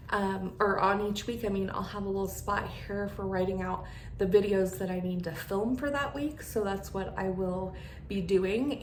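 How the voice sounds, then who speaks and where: A woman chatting casually to her viewers as a vlogger, with a slight lisp from wearing a retainer. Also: medium pitch. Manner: friendly rambling chat addressed to viewers. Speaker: beauty vlogger and channel host. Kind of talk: casual chatty sit-down vlog. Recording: echoey room with clear background noise.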